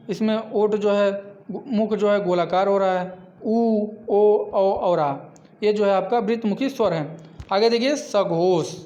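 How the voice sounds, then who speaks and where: A man's voice: sits high, darkish tone. A man teaching Hindi grammar in an online lesson, sounding out examples and checking in with frequent short asides. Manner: repeats examples, frequent "theek hai" check-ins. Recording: dull lo-fi recording.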